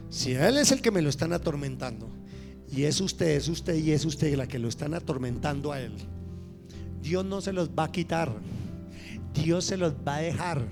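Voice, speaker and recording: A middle-aged man preaching a sermon in a church, swinging from loud preaching to soft confiding asides. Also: a little high. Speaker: pastor.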